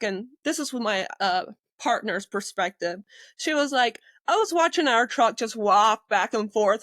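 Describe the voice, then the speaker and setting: Lively high-voiced woman telling stories. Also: no echo. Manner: lively, acts out quotes, laughs often. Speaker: EMT guest. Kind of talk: casual storytelling in a podcast interview.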